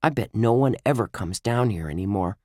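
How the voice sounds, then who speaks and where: A man's voice: fairly low pitch, lively intonation, a little fast, darkish tone, no room sound, clean studio sound, natural voice. A man reading a children's book aloud, voicing a practical, level-headed young boy in a lightly raised voice. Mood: matter-of-fact.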